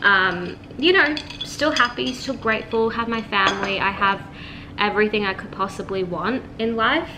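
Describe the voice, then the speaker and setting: A woman's voice: mid-range voice, moderate pace. Chatty young woman vlogging at home. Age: 20s. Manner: chatty, relaxed, peppered with "like". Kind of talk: casual vlog chat. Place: at home, indoors. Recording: noticeable room ambience noise.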